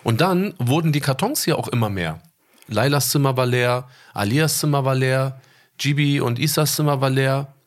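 A man in his thirties co-hosts a podcast, telling a long story in a laid-back, slangy way during casual chat and acting out phone calls. He has a mid-range voice and a moderate pace.

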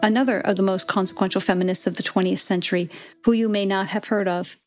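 A woman hosting and narrating a documentary podcast in a measured, clear storytelling manner. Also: medium pitch, fairly even intonation, soft background music. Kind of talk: scripted narration.

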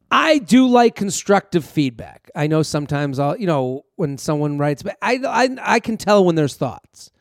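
A man's voice: on the high side, very animated, moderate pace, gravelly, hardly any pauses, no room sound, clean studio sound. A man hosting a solo podcast in a casual, rambling monologue, talking straight to his listeners like a comedian. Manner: rambling, conversational, addresses listeners directly.

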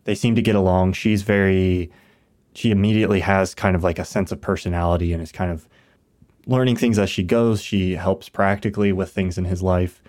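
A man's voice: low-pitched, steady tone, a little fast, darkish tone. A man co-hosting a film podcast, thinking aloud in a reflective, casual way and restarting his sentences as he goes. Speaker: podcast co-host.

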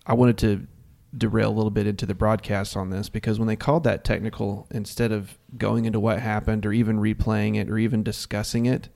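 A man co-hosting a sports podcast, chatting casually and breaking into animated, mocking jokes. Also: a little fast, gravelly, few pauses. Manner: animated, mocking, jumps high when joking. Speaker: podcast co-host.

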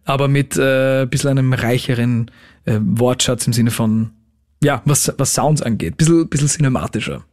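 A man's voice: medium pitch, normal speed. Late-twenties man, chatty pop musician. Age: late 20s. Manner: lively, mixes English words into speech. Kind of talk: casual interview.

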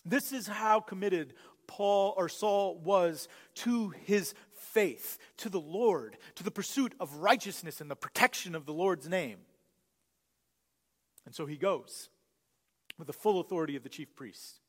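A man preaching a sermon as pastor, earnest, rising to loud emphasis and falling to a near hush. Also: high voice, measured pace, long reverb tail. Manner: earnest preaching that swells louder and drops to a hush. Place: church sanctuary.

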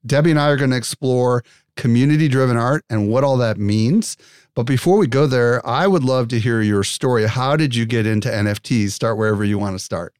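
A man's voice: medium pitch, fairly quick, darkish tone, clear, resonant tone. An enthusiastic male podcast host with a mid-range voice, speaking into a studio mic. The sound is dry and close, with no room echo. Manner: upbeat, enthusiastic. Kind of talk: podcast interview and read ad.

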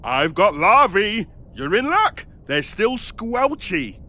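A man voicing a blind male mole with a pompous, gleeful, drawn-out way of talking. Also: high-pitched, sing-song, sharp tone, heavily acted. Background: music.

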